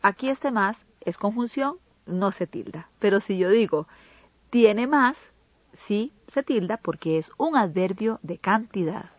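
A woman co-hosting an educational radio program, reading a Spanish grammar lesson in a measured, didactic way. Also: mid-range voice, animated, no room sound. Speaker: co-host of a language program. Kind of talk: scripted educational radio narration. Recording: dull lo-fi broadcast audio.

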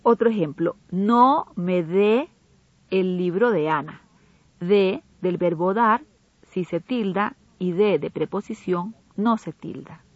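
A woman co-hosting an educational radio program, reading a Spanish grammar lesson in a measured, didactic way. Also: on the low side, no echo. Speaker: co-host of a language program. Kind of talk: scripted educational radio narration. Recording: dull lo-fi broadcast audio.

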